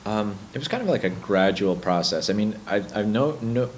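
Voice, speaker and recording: A young adult man, a musician guest, telling stories in a relaxed, reflective way with hesitant restarts. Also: on the low side, moderate pace, slight background noise, rough recording. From Bronx, New York. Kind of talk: casual interview chat.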